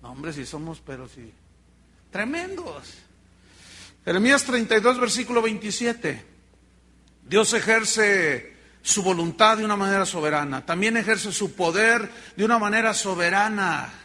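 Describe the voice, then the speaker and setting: A Mexican pastor delivers a sermon in a high, bright voice at a measured pace, telling Bible stories with animation and tossing in joking asides to his congregation. His tone remains bright and forceful from start to finish.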